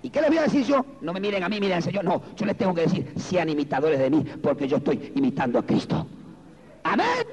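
A man preaching an evangelical sermon in a Rioplatense Spanish accent, dropping low and intimate, then climbing to high shouted exclamations. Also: very animated, quick pace, husky. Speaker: pastor. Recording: dull lo-fi sound with long hall reverb.

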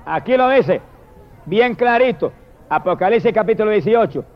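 A man preaching a fiery sermon, swinging from shouted hallelujahs to low murmured praise. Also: animated, normal speed. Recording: dull lo-fi recording.

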